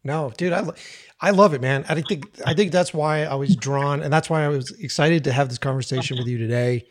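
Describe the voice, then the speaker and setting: A man's voice: on the high side, brisk. A man hosting a casual conversation in an enthusiastic, slangy way, swearing freely. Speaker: podcast host. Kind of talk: casual chat.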